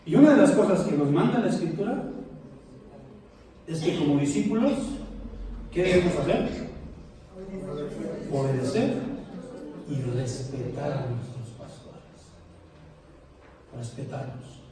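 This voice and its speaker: A man's voice: fairly high pitch, very animated, a little slow, pauses often, dark tone. A middle-aged man with a Mexican accent preaching a sermon, telling humorous stories and speaking straight to his congregation. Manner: storytelling, humorous asides to the congregation. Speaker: pastor. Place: church sanctuary. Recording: echoey church hall, mic far off, faint noise.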